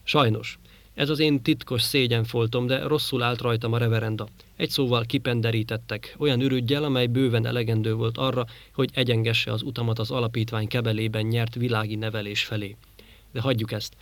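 A man voicing a gruff, grumbling male space trader in an audiobook reading. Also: medium pitch, fairly even intonation, lightly acted. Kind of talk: audiobook character voice.

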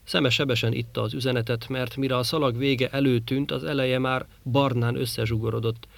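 A man reading a science fiction story aloud in a measured storytelling manner. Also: mid-range voice, fairly even intonation, gravelly, dry recording. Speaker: audiobook narrator. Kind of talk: scripted narration.

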